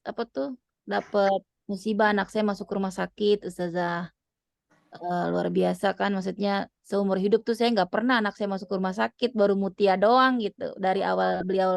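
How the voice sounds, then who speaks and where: A woman joining an online study group who shares her experience casually and hesitantly, pausing often. Her voice is gravelly and sits at a middle pitch. The sound is dry and close. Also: no room sound. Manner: hesitant, many fillers. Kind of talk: casual sharing of personal experience. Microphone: video call.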